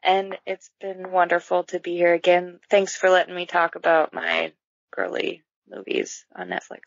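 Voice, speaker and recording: A woman guest co-host on a podcast, speaking in casual chat at a slow, relaxed pace. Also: lowish voice, creaky, dry recording. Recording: dry, dull lo-fi audio.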